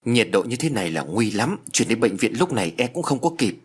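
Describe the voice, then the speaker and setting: A man's voice: mid-range voice, sing-song, a little fast, slightly rough. A man voicing an anxious young woman doctor in an audio story, in an urgent, worried way.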